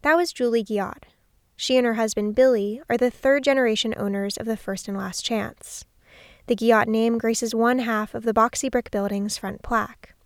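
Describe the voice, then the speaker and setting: A woman hosting a podcast, narrating a scripted documentary story in a measured way. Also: on the high side, fairly even intonation, dry recording, clean studio sound. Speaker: podcast host.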